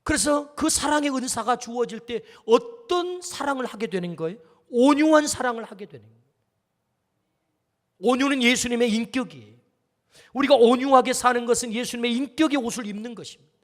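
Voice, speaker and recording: A man's voice: very high-pitched, expressive, a little fast, long reverb tail. A male pastor giving an earnest storytelling sermon, acting out the quotes in it. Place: church sanctuary.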